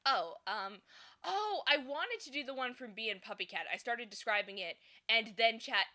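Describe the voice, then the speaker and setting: A woman's voice: on the high side, expressive, normal speed, pushed and bright. A woman chatting casually on a live stream, rambling with lots of fillers and laughing often, and sometimes slipping into a slight lisp. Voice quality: slips into a slight lisp at times. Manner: rambling and giggly, many fillers.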